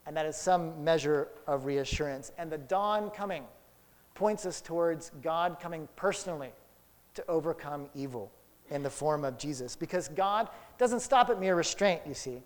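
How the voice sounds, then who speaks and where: A man preaching a sermon, telling a childhood story and then drawing Bible lessons from it, with big swings between loud and soft. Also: a little high, expressive, moderate pace. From Houston area. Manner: storytelling, dramatic swings in loudness. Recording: long hall reverb.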